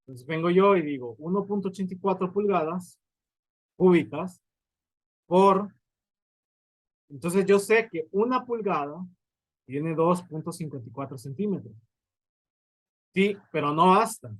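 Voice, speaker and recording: A man's voice: high voice, a little slow, pauses often, no echo, low-quality recording. A man teaching a physics lesson, explaining step by step and often checking in with his students. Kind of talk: recorded lecture at a writing board.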